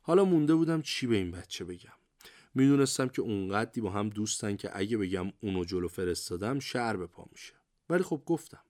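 An older man, a war veteran, telling his memories in a lively, conversational storytelling manner full of everyday idioms. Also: on the low side. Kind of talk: colloquial memoir storytelling.

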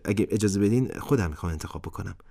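A man's voice: low-pitched, creaky, warm tone, no echo, clean studio sound, pitched above the performer's own voice. A man voicing a polite, modest fourteen-year-old boy in a storybook, speaking eagerly and pleadingly.

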